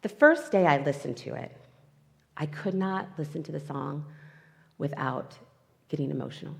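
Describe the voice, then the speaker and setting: A low-pitched woman with vocal fry speaks at a moderate pace, giving a candid and emotional personal inspirational talk. She's a guest speaker at a spiritual centre, using a microphone set in front of her, and the livestreamed hall audio has a long reverberant sound.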